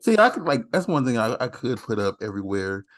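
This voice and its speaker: A man hosting a casual interview, talking excitedly with frequent restarts and laughter. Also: mid-range voice, quick pace. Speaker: podcast host.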